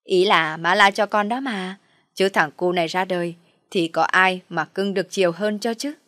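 A woman's voice: fairly low pitch, moderate pace, a bit bright, no echo, studio quality, lightly acted. A woman voicing a smug pregnant concubine who wheedles and taunts. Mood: taunting.

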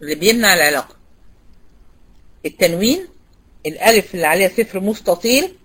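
A woman's voice: medium pitch, lively intonation, fast talker, fairly bright tone, slightly rough. A woman with an Egyptian Arabic accent teaching a recitation class, quizzing students by name and repeating key points. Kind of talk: online class lecture.

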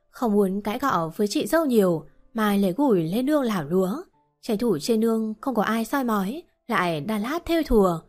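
A woman narrating an audiobook novel in a steady storytelling manner, with faint music behind. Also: medium pitch.

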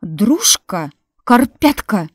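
A woman's voice: mid-range voice, big pitch swings, very slow, husky, dry recording, studio quality, voice pushed up, exaggerated voice. A woman voicing a frightened middle-aged merchant widow who shrieks and wails. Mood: shrill. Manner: shrieking, wailing.

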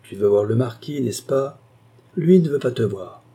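A man voicing an irascible older uncle who shouts and bullies in a storybook reading. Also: medium pitch, expressive, moderate pace, husky, voice pushed up. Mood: coaxing. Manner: shouting, bullying. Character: irascible elderly male uncle, blustering.

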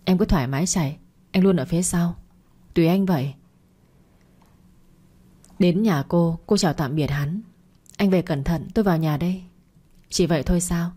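A woman's voice: lowish voice, normal speed, pauses often, dark tone, slightly rough. A woman reading a romance story aloud, narrating and voicing every character's lines in her own voice.

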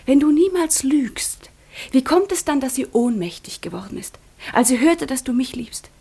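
A proud, breathy young convent girl. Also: high-pitched, animated, moderate pace, dark tone, exaggerated voice. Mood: hushed intense. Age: young adult. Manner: drops often to a tense whisper. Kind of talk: studio radio drama acting.

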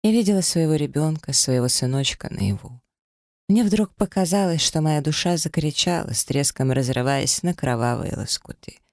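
A man's voice: a little high, normal speed, a little mellow, no echo, clean studio sound. A man reading a first-person story as an audiobook narrator, dramatic and emotional.

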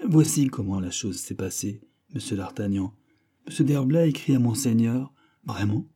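A fat elderly servant, fussy and sentimental, pours out plaintive exclamations, as a man reading a novel aloud puts him on. The voice sits higher than the reader's own, yet stays dark and husky. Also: expressive, moderate pace. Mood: eager.

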